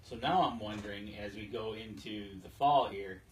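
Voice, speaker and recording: Recorded on a distant mic with noticeable background noise, a podcast co-host talks hunting in a relaxed, conversational way. His voice is lowish and he speaks at a normal speed, staying agreeable throughout the casual show chat.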